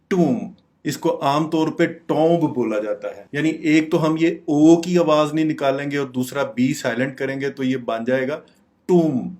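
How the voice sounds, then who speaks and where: A man teaching English pronunciation, repeating each word slowly several times. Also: medium pitch.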